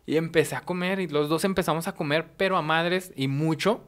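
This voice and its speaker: A man's voice: fairly high pitch, brisk. Slangy Mexican man telling a story. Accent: Mexican Spanish. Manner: animated, slangy, laughs while telling. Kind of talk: casual storytelling chat.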